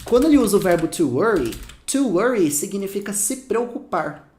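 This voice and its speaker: Brazilian guy teaching english, lively, says the examples slow, roomy echo. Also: sits high. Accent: Brazilian Portuguese. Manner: lively, repeats example phrases slowly. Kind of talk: casual teaching lesson. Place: room with dogs barking outside.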